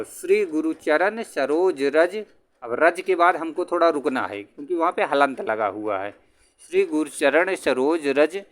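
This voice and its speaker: Man, grammar teacher, exam-prep lesson, slightly high voice, asks and answers his own questions, chants verse lines slowly. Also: a bit bright. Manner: asks the class questions and answers them himself.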